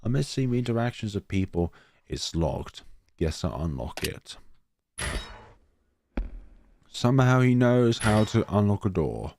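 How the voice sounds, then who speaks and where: A man's voice: lowish voice, sing-song, normal speed, a little mellow. A man streaming a game, mixing commentary with theatrical read-aloud of the text.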